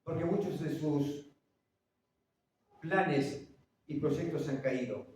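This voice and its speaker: A man preaching a sermon, swinging between loud, urgent lines and hushed ones and putting questions to the congregation. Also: fairly high pitch, slow pace. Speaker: pastor. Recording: very echoey church, from far off.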